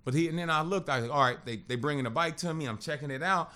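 A man in his thirties sits in as a podcast guest and tells his story in loose, casual talk. His voice sits a little high for a man, and he swears freely and jumps into the voices of the people in the story. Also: very fast. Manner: animated, profane, acts out other people's lines.

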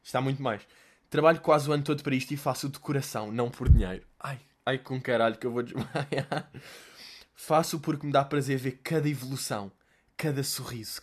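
Sarcastic young Portuguese man. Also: mid-range voice. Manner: mocking, profane, laughing asides. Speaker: vlogger. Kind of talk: sarcastic commentary.

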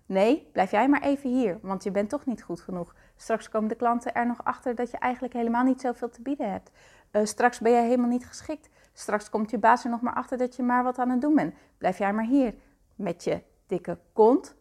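A woman's voice: on the high side, darkish tone. Woman voicing a nagging inner critic. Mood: scornful. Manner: scolding, belittling, rapid worries.

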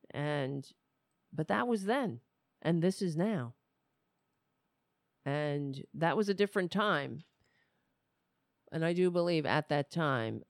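Slow-talking woman hosting a live stream. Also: low voice, no room sound, clean studio sound. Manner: loose, halting, conversational. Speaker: host of a live political show. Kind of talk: casual live-stream talk to viewers.

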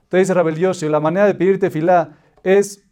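High-voiced man teaching a Torah lesson. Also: fairly even intonation, a little fast, warm tone, clear, resonant tone. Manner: explains patiently, repeating phrases in lists. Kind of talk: religious lesson with a told parable.

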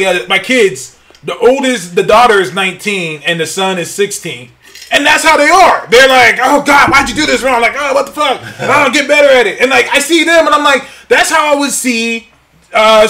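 A man in his forties co-hosting a podcast, talking in a casual, profane and animated way and repeating phrases for emphasis. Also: high voice. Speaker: podcast co-host. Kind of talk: casual chat.

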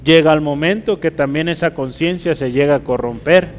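A man preaching a teaching sermon, often asking the congregation for agreement and pausing to write on a board. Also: on the high side, long reverb tail. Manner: teaching, rhetorical questions, asks listeners for agreement; writes on a board while speaking.

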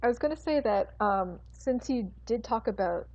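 A woman's voice: fairly high pitch, animated, moderate pace, darkish tone, rough recording. A woman co-hosting a podcast who chats casually and teases her friend playfully. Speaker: podcast co-host. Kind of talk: casual chat.

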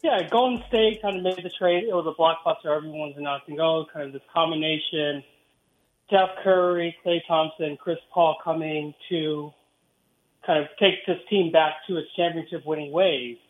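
A caller to a sports radio show analyzes the game, building his argument point by point. His fairly high voice moves at a moderate pace, and the phone line sounds tinny, as if he were talking inside a tin can.

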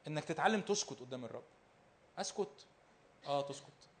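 A male preacher with an Egyptian accent delivers a sermon in a high, bright-toned voice. He talks quickly, hammering phrases again and again. He poses rhetorical questions and swings between raised exhortation and near-hushed asides. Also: expressive. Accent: Egyptian Arabic.

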